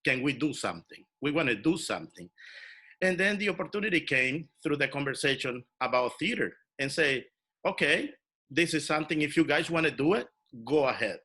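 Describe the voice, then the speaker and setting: A man from El Salvador, a community organizer, telling his own story in an animated way on a video call. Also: a little high, brisk, husky. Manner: animated, personal storytelling with fillers. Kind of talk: online workshop talk.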